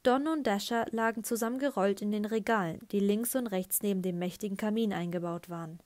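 A woman reads an audiobook aloud in the first person. Her reading is lively and expressive, at a middle pitch. The sound is dry and close. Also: a little fast, no echo. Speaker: audiobook reader.

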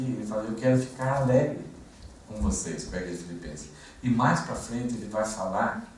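Pastor preaching in an echoey hall. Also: male voice, on the low side. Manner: conversational storytelling with many fillers and restarts. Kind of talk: expository sermon. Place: church hall. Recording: echoey room, distant mic, faint noise.

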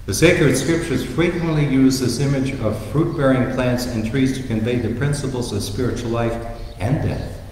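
A priest reading the gospel and preaching a sermon in a large church, telling stories and asking rhetorical questions. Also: male voice, mid-range voice, normal speed, a little mellow, a little hiss or hum. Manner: storytelling, emphatic with rhetorical questions. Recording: echoey church hall with reverb.

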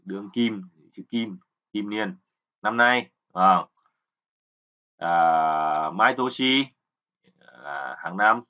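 Low, bright-voiced male language teacher. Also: expressive, very slow, pauses often. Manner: keeps asking "right?" to check learners; patient, repeats words while explaining. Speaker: kanji teacher. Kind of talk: explanatory lesson.

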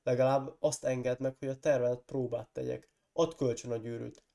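A proud, forceful warrior lord who presses his point and flares into loud accusations, as a hoarse man reads him aloud. The voice is gravelly and mellow, with a rough edge from a cold, in the manner of a storybook reading. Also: mid-range voice, steady tone, close to an everyday voice. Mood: coaxing. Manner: insistent, rising to loud accusing outbursts.

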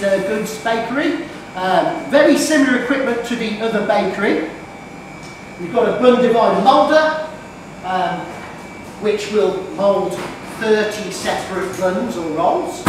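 A middle-aged man giving a guided tour of a bakery as instructor, explaining the equipment with fillers and restarts. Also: high-pitched. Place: large industrial bakery kitchen, indoors. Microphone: camera mic from a distance. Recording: echoey kitchen, distant mic, noisy.

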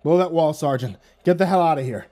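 A man's voice: a little high, fairly quick, warm tone, pitched above the performer's own voice, natural voice. Man voicing a squad captain for a horror audiobook, urgent, barks his orders. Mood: commanding. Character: desperate commanding male squad captain.

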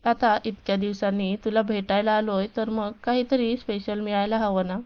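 A woman's voice: medium pitch, steady tone, moderate pace, clean tone, lo-fi sound, natural voice. A woman voicing a playful young man who teases his fiancée affectionately, in a storybook reading. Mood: teasing. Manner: teasing, affectionate.

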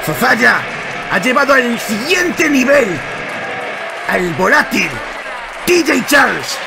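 A man with a Spain accent works as an excitable wrestling commentator, exclaiming each move. His very high voice leaps around in pitch. It is recorded in heavy noise. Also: slow pace, vocal fry. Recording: noisy sports hall, loud crowd. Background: loud crowd and hall noise.

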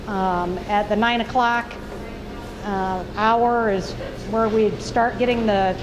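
A woman's voice: a little high, noisy background. Matter-of-fact Midwestern cafeteria worker woman. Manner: practical, matter-of-fact explaining. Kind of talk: interview answers.

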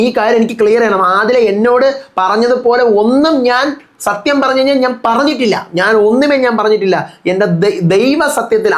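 A man's voice: high-pitched, fairly bright tone. A man with a Malayali accent, hosting a reality show review channel and giving insistent live-update commentary while retelling what contestants said. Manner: rapid, insistent, retells quotes.

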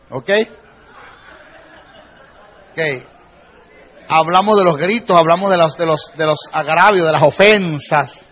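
A man with a fairly high, husky voice teaches a church class as a Bible teacher. He is emphatic and keeps checking in with his listeners, on a muffled, lo-fi recording. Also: a bit bright. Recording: dull lo-fi recording.

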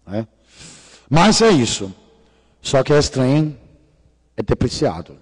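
Very animated yet slow, with a breathy edge and medium pitch, a middle-aged man from Denmark lectures in Danish-accented Portuguese. His conference talk is irreverent and jokey, featuring casual swearing and non-native grammar slips. The big lecture hall adds reverb.

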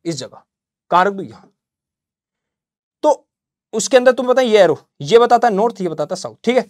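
A man teaching an exam-prep lesson, slowly dictating English answers and explaining in chatty Hindi. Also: high-pitched, no echo, studio quality.

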